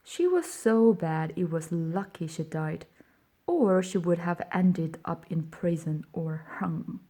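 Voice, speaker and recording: A woman reading an audiobook, voicing a bullying older boy who taunts and then cries out in high, shrill panic. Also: lively intonation, takes it slowly, warm tone. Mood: taunting.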